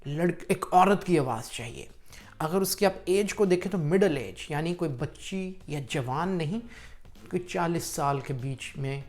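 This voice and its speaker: A man's voice: on the high side, a little mellow. A man hosting a casual screen-walkthrough tutorial, chatty and encouraging as he talks straight to the viewer. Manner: chatty and pep-talking, addresses viewer as brother. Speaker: YouTube tutorial host.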